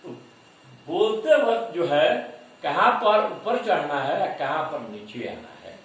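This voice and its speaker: Slow-lecturing man in an echoey room. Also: on the high side, lively intonation, a bit bright, a little hiss or hum. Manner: slow, deliberate, repeats example words for emphasis. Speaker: teacher education lecturer. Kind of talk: classroom lecture. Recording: echoey room, voice far from mic.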